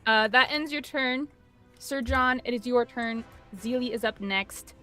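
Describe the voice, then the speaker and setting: A woman acts as game master for a tabletop role-playing session, telling the action at an unhurried pace. Her storytelling is improvised and conversational, feeling its way forward in halting phrases. Soft music plays behind her. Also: on the high side. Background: background music.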